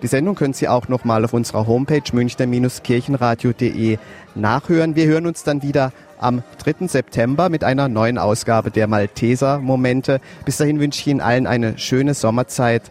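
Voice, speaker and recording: A man's voice: mid-range voice, fairly quick, a little mellow. Male radio host, friendly interviewer, mid-range voice. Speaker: radio reporter. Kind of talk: radio feature reporting.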